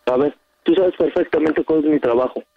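A man's voice: on the high side, fairly quick, vocal fry. A man with a Mexican accent arguing heatedly on a phone call, curt, angry and swearing, threatening to leave. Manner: foul-mouthed. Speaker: prank call victim on a radio show.

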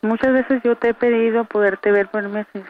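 A woman with a Mexican accent calls her partner as a prank, pleading emotionally over the phone. Her voice is a little high with fairly even intonation at normal speed, heard on a radio phone call with music behind.

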